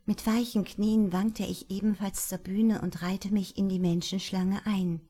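A woman narrating an audiobook in the first person, soft and unhurried. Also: mid-range voice, little pitch movement, breathy edge.

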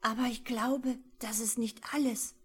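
A woman voicing a frightened young boy who speaks in a hushed, halting way. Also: on the high side, fairly even intonation, slightly rough, voice pushed up. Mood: uneasy.

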